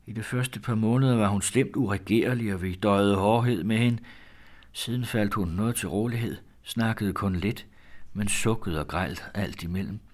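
A man reading an old-fashioned first-person story aloud in a measured, grave way. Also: on the low side, a little mellow.

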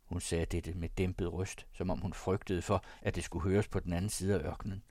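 A man reading classic prose aloud in a measured, even storytelling manner. His voice is fairly low and the recording is dry and close. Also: dry recording. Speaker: narrator.

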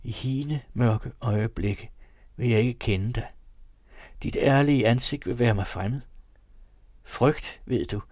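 A man voicing a troubled older father who confesses his dark, frightening moods to his son in a read-aloud novel. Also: medium pitch, pauses often, no room sound, studio quality, lightly acted. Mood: haunted. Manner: earnest, haunted confession.

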